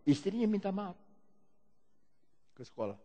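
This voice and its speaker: Gravelly pastor guy preaching, voice jumps all over, big hall echo. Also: high-pitched, normal speed. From Indonesia. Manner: animated, shifting between loud exclaiming and quiet asides. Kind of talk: lively sermon with storytelling. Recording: long hall reverb.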